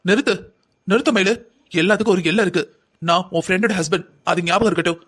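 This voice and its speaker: A man's voice: high voice, fast, a bit bright. A man voicing an upright young husband in a cartoon, stern and scolding. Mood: indignant. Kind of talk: cartoon voice acting.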